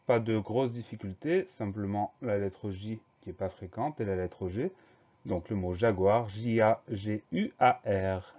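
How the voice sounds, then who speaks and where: A male teacher giving a spelling lesson for primary pupils, spelling words out slowly letter by letter. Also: on the low side, mellow. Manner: slow, careful letter-by-letter spelling. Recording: slightly dull lo-fi recording.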